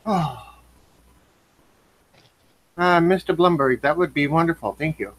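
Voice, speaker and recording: A man's voice: a little high, measured pace, fairly bright tone, low-quality recording. A man hosting a casual live stream, chatting while he eats and tastes snacks. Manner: chatty, talks while eating and tasting. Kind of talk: casual chat.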